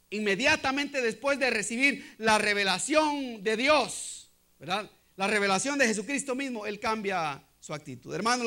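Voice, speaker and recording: A male pastor delivers a sermon in a strikingly high voice. His tone is bright and forceful. He keeps checking in with the congregation and often stops to restart his sentences.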